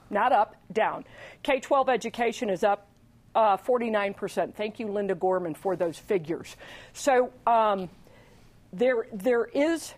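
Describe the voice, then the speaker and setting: Firm woman making pointed arguments. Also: medium pitch. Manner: laughs often, then firm and pointed. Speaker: panelist. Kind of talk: political roundtable discussion.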